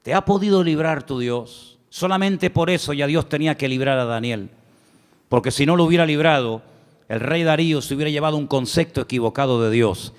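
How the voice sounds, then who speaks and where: High-voiced preacher in a reverberant hall. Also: male voice, a little fast. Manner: storytelling preacher who addresses listeners as brother and swings his pitch widely. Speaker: pastor. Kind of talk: sermon.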